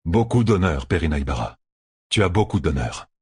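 A man's voice: low voice, breathy edge, heavily acted. Man doing a stoic, grave warrior. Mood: solemn. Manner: calm, measured, solemn.

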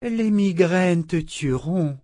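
A man's voice: sits high, lively intonation, slow pace, dark tone, no echo, clean studio sound, pitched above the performer's own voice. A man voicing a stern, insistent sister of a magic order. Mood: grave insistence. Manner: insistent, grave and cool.

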